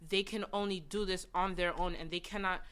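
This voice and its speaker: A woman's voice: on the low side, fairly even intonation, a little fast, fairly bright tone, smooth. A woman from Nigeria who speaks earnestly and persuasively as a guest on a panel discussion. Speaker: events and marketing manager, panel guest.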